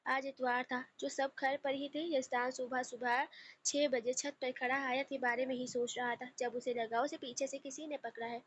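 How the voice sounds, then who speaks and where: High-voiced woman reading a novel aloud. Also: flat delivery, normal speed. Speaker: novel narrator. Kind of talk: storytelling narration. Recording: slightly muffled lo-fi audio with faint noise.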